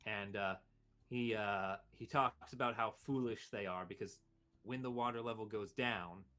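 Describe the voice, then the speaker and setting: Acting as game master for a tabletop role-playing game, a man narrates haltingly and searches for his words. His voice is fairly low in pitch and sharp in tone.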